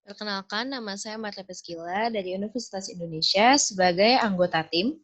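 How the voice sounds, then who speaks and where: A woman's voice: mid-range voice, a little fast. Young woman reading out a presentation. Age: young adult. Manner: steady, methodical, lists points in order. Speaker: student presenter, team member. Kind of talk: student essay presentation.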